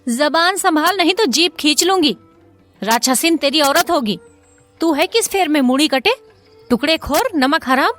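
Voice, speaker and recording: A woman voicing a fiery, sharp-tongued middle-aged village wife who scolds and hurls insults. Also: lively intonation, normal speed, faint music behind. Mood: furious. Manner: shrill, scolding, hurling insults.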